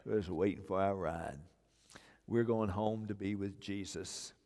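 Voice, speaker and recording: An older man with a low, mellow voice preaches a sermon as pastor, speaking unhurriedly with fairly even intonation and driving his points home through repeated phrases. He is on a church sanctuary stage indoors, using a wireless mic, and the recording carries the long reverb of a church hall.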